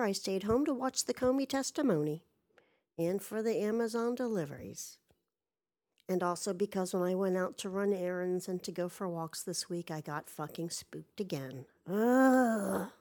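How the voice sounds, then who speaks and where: A woman's voice: on the low side, a little mellow. A woman casually telling a personal story, rambling and exasperated, swearing freely.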